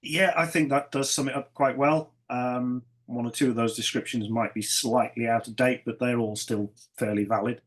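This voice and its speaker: Middle-aged man from North Wales, a bit croaky from a cold, dry humour, mid-pitched voice, telling his life story as a guest. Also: steady tone, moderate pace, hardly any pauses. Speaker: guest, ecologist. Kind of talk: casual interview.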